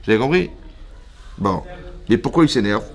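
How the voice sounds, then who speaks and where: A man's voice: medium pitch, normal speed. A man, a rabbi giving a Torah lesson to a women's class, who keeps checking that his listeners follow and acts out the characters' words as he explains. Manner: lively, questions the listeners often.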